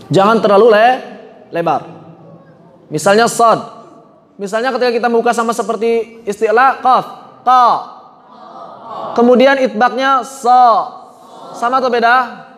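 A man teaching Quran recitation online, explaining mouth positions and demonstrating letter sounds slowly for the class to repeat. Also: high-pitched, fairly bright tone, big-room sound. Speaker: tajwid teacher.

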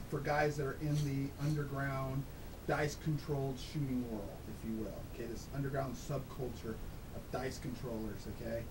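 A man's voice: mid-range voice, background noise. A man being interviewed as a guest, talking through an electronic voice disguiser in a rambling way, restarting sentences and tagging "okay?" onto his points. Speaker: guest, dice control video maker. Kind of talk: casual interview talk.

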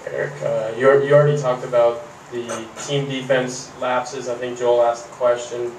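Male reporter asking steady questions. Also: mid-range voice, moderate pace. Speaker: sports reporter. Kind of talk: press conference questions. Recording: echoey room from a distance, faint hum.

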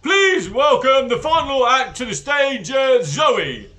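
A man's voice: very high-pitched, sing-song, slow pace, sharp tone, voice pushed up, exaggerated voice. A man doing a flustered, stammering headmaster. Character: nervous, flustered male headmaster.

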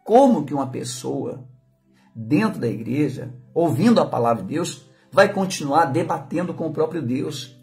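A Brazilian pastor with a high voice preaching in church. He is emphatic and swings from loud declarations to quiet asides. Soft music plays faintly behind him. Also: lively intonation, normal speed, creaky. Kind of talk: sermon.

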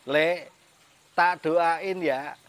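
A man voicing his elderly mother, nearly eighty, giving a slow, playful blessing. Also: deep voice, steady tone. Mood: teasing.

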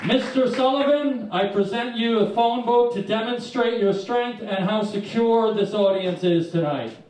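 A man's voice: sits high, unhurried, darkish tone. A man hosting a comedy show on stage, addressing the audience in theatrical emcee patter. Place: small dark club stage, indoors. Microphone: handheld stage microphone, captured by a far camera. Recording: echoey club PA from far off, crowd noise.

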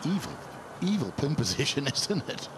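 A man's voice: a little high, big pitch swings, normal speed. A man giving conversational golf commentary. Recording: clear outdoor broadcast background noise.

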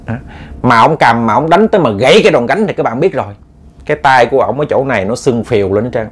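Guy telling a ghost story, lively, keeps talking straight to the listeners and repeating himself, normal mid pitch. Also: fast, slightly rough.

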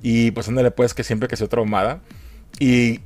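A man's voice: medium pitch, steady tone, moderate pace, a little mellow, no echo. A man with a Mexican accent giving a casual film review, using crude slang and mockery. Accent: Mexican Spanish.

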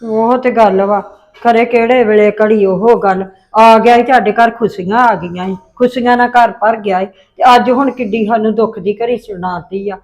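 A woman's voice: a little high, steady tone, moderate pace, darkish tone, highs cut off, natural voice. A woman with a Punjabi accent playing an older village mother who pleads with and protects her son. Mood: worried pleading. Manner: coaxing, repeated pleading. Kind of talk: family drama dialogue.

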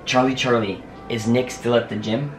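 Speaking at normal speed in a steady, mid-range voice, a young adult vlogger delivers a dramatic paranormal challenge to camera from his small home office, with exclamations and sighs. The audio quality is poor, and music can be heard behind him.

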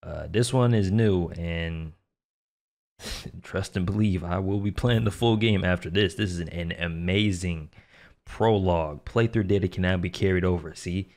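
A young American man giving casual, slangy, excitable commentary as he plays a video game. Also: deep voice, measured pace. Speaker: gaming content creator. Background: video game music.

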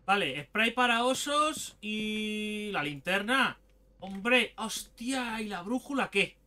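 A man, excitedly commenting as he plays a game, swearing and talking to himself. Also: high-pitched, takes it slowly. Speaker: gaming video host. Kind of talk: let's play commentary.

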